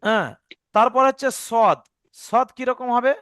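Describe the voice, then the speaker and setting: A man's voice: extremely high pitch, a little slow, fairly bright tone, dry recording, studio quality. A man teaching how Arabic letters are pronounced, patient, repeating his points, sounding out each letter and often checking that the learners follow. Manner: demonstrates sounds aloud. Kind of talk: Arabic letter pronunciation lesson.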